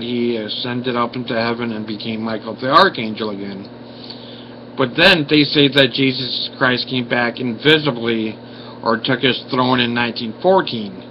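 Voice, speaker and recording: A man's voice: medium pitch, a little hiss or hum. A man, talking with a slight lisp after oral surgery. He rambles apologetically with many fillers and restarts, first as a casual vlog and then on a phone call. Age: 40s. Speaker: vlogger.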